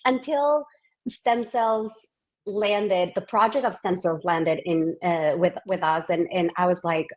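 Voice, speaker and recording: A woman's voice: on the low side, measured pace. A woman in her forties from Ecuador, a physician scientist speaking as a guest in a casual interview, enthusiastic and given to restarting her sentences. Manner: restarts often, animated and enthusiastic.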